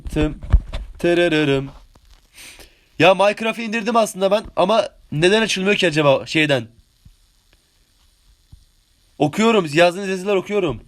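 Young male streamer, 18, high-pitched, excitable, chatty play-by-play with hummed sound effects. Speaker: game streamer. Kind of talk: live gameplay commentary.

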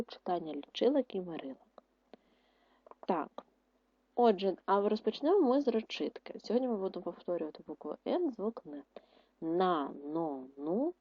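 A woman teacher gives an online reading lesson, saying children's rhymes slowly and clearly before repeating them faster. Her pitch rises and falls in a lively, sing-song way. The recording is dry and a little dull, made close to a home microphone. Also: no echo. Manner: slow, clear recitation of rhymes, repeated at speed. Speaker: primary school teacher.

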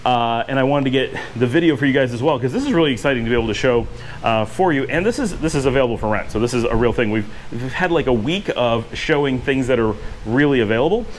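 A man's voice: medium pitch, lively intonation, fast, slight background noise. A man in his forties filming a walking house tour vlog with a handheld action camera, enthusiastic and rambling with lots of fillers. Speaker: vlogger. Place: indoor and outdoor rooms of a house with courtyard pool. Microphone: handheld action camera at arm's length.

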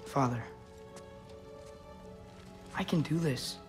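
An actor voicing an earnest, determined teenage boy hero in a video game cutscene, speaking slowly and carefully. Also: mid-range voice, soft background music, close to an everyday voice.

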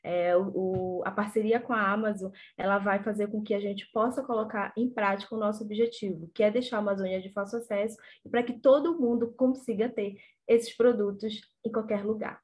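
A young woman from northern Brazil pitching her small online shop on a video call, earnest, with many restarts and fillers. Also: fairly even intonation, a little fast, hardly any pauses, a little mellow. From Pará, Brazil. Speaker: entrepreneur pitching her business. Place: home office room.

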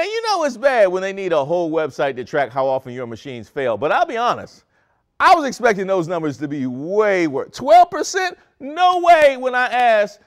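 A man in his thirties hosting a comedic news segment, with playful, wisecracking asides. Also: on the high side. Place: studio set with brick backdrop.

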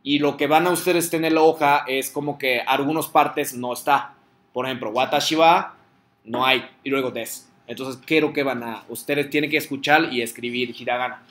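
A man teaches a lesson in Spanish. His voice is bright and clear, and he explains patiently, checking often that his students follow. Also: medium pitch, steady tone, normal speed. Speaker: Japanese teacher. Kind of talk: online class teaching Japanese in Spanish.

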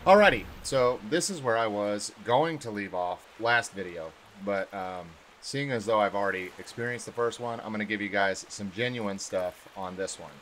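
A low-voiced man talks through a horror game, swearing constantly and trash-talking the monsters. His commentary is jumpy and crude, swinging between nervous muttering and loud taunts. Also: normal speed, few pauses, a little hiss or hum. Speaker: gaming YouTuber.

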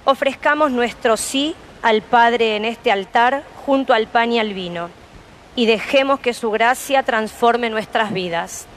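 Female Mass reader. Fairly high voice, measured and devout delivery, slight noise behind. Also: fairly bright tone. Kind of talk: liturgical reading and responses.

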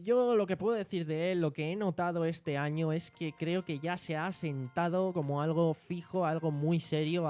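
A man's voice: fairly high pitch, a little mellow. A young man with a Spanish accent hosting a casual podcast from a living-room studio, rambling and joking at his own expense. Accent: Spanish from Spain. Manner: rambling, joking, self-mocking. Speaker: podcast host and sound technician. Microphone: desk microphone on stand.

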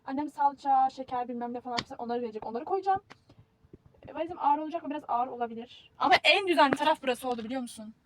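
A woman's voice: sits high, very fast, noisy background. A young woman, rambling and teasing herself as she films a casual packing vlog. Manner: chatty, rambling, self-mocking. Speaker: vlogger.

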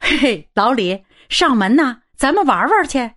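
A woman narrator voicing a friendly young man in a storybook, easygoing and warm-hearted, with an expressive, moving pitch. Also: a little slow, full character voice. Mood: cheerful.

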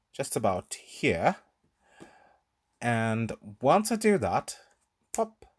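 Man narrating a screen recording, lively pitch. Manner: informal step-by-step explaining. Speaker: tutorial presenter. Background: voice-over on a screen recording.

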